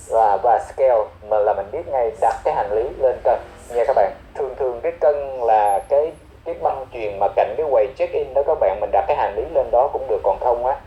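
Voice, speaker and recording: A man teaching English airport phrases, explaining each one and repeating key words slowly. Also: medium pitch, roomy sound, dull audio, slight background noise.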